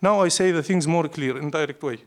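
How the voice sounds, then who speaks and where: The voice is a man's, fairly high and brisk, marked by a Syrian Arabic accent. He is a native Arabic speaker from Syria answering live interview questions as a poet, telling reflective stories in short, emphatic declarations.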